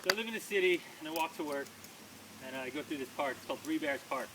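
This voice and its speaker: Speaking fast, with a somewhat high voice and lively intonation, a man reads his own poetry to an audience at a small live event. He delivers the lines emphatically and rhythmically, tossing in offhand remarks. It's captured on a distant mic amid live-room noise.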